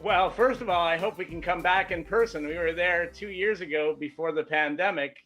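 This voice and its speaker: This sponsor representative joins a casual remote interview as a guest, sounding relaxed but a little unsure of himself on the video call. He has a high, slightly bright voice and talks fairly quickly, though the highs are cut off. There's music in the background.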